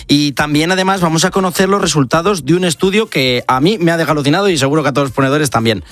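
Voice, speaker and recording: A man from La Mancha co-hosting a late-night radio show, chatting cheerfully and reading the weather briskly. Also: fairly high pitch, a bit bright, no echo. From La Mancha, Spain. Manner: brisk, cheerful, reads forecasts fluently. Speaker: radio co-host, weather presenter. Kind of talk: radio chat and weather report. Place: radio studio.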